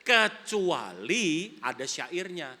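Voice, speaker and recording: A man with an Indonesian accent preaching a sermon, moving from loud, emphatic declarations to quiet, chatty storytelling, with English phrases mixed in. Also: a little high, big pitch swings, extremely slow, long reverb tail. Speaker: pastor. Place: large church hall.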